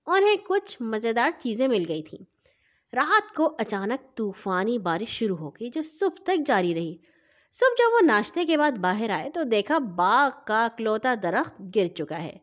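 A woman narrating a children's story in an expressive, sing-song manner. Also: a little high.

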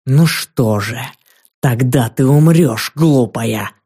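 A man voicing a huge, vain fiery female giant who roars slow threats, in an audiobook reading. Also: mid-range voice, mellow, husky. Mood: menacing.

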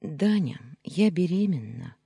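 An audiobook reader voicing a troubled young woman who speaks quietly and sadly. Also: mid-range voice, animated, measured pace, vocal fry, breathy edge, no echo, studio quality, voice pushed up, full character voice. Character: troubled young woman, first-person heroine. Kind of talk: audiobook character reading.

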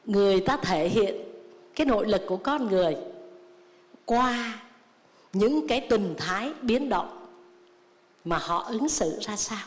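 A Buddhist nun giving a sermon, telling stories and acting out the lines of the people in them. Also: female voice, mid-range voice, measured pace, long pauses. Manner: storytelling with lively quoted dialogue. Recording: long reverb of a hall.

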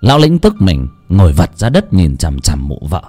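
A man narrating a ghost story in a dramatic, animated storytelling voice. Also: low voice, normal speed. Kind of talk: scripted horror narration. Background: faint background music.

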